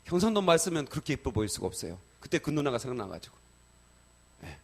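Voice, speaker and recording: A middle-aged male pastor preaching a sermon in a church, telling personal stories in a lively colloquial way, swinging from loud exclamations to soft asides and often checking in with the congregation. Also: mid-range voice, fast talker. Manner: colloquial, addresses congregation with repeated "예?". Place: church sanctuary.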